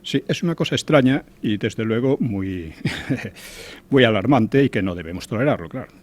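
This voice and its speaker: A man's voice: on the low side, lively intonation, moderate pace. An older man giving conversational commentary as a regular guest, hesitant, with frequent restarts and tag questions.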